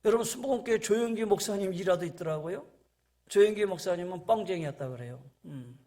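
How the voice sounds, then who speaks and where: Korean pastor preaching, voice rising high. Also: male voice, lively intonation, fast, dark tone. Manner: storytelling, acting out quoted voices, rising to emphatic peaks. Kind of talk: sermon with anecdotes. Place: church sanctuary.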